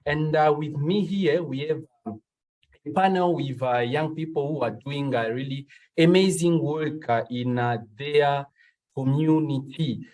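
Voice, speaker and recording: A man from the Democratic Republic of Congo moderating an online panel, speaking slowly with frequent fillers. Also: on the high side, darkish tone, poor audio.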